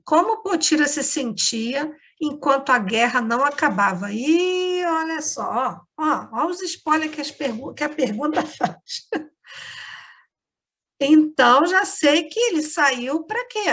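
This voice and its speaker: A woman's voice: high-pitched, a bit bright. A woman teacher with a Brazilian Portuguese accent, giving a lesson to children and explaining each step patiently. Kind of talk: remote class lesson for children.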